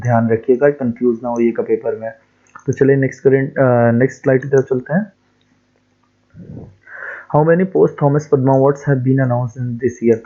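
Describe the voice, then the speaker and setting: A man's voice: mid-range voice, warm tone, highs cut off. A male teacher with a sore throat, going through quiz slides, explaining step by step and repeating the key answers.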